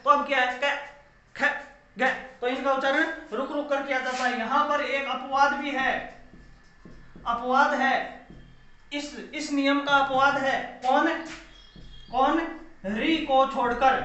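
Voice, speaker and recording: A man's voice: very high voice, pushed and bright. Man teaching in a very echoey room. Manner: asks and answers own questions, repeats key phrases. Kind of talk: classroom grammar lesson. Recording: very echoey room, dull lo-fi sound.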